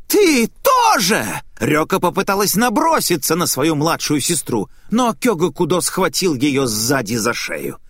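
A man's voice: on the high side, no room sound, studio quality. A man narrating a tense first-person story as an audiobook reading.

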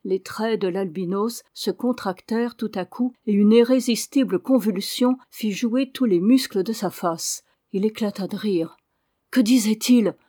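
A woman reads a classic adventure novel aloud at an unhurried pace, with careful, measured phrasing. Her voice sits in a middle register. The sound is close and dry, with no room around it. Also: medium pitch, dark tone, dry recording. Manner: slow, measured literary narration. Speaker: audiobook reader.

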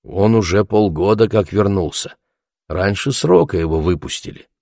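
A man's voice: low voice, animated, moderate pace, vocal fry, dry recording, clean studio sound, full character voice. A man reading as a blunt, stubborn old shepherd in an audiobook. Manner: blunt, forceful. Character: lean stubborn old male shepherd, sixty.

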